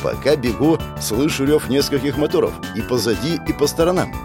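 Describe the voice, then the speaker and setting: A man's voice: medium pitch, expressive, fairly quick, music in the background. A man narrating a first-person fantasy audiobook in a tense, dramatic way.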